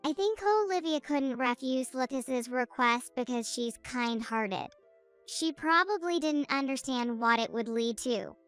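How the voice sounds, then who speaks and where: A woman's voice: high voice, animated, measured pace, fairly bright tone, clean tone, faint music behind, voice pushed up. A woman voicing a tearful young girl who blames herself, crying as she speaks. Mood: tearful, regretful. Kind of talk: scripted narration.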